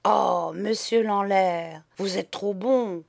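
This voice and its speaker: A man's voice: high-pitched, slow pace, gravelly, no room sound, studio quality, full character voice. A humble, stammering old peasant man, as a woman reader puts him on, poor and grateful, hesitating over every word. The voice sits a little raised above the reader's own in a storybook reading. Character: poor, timid old male rose-stock gatherer, humble and grateful.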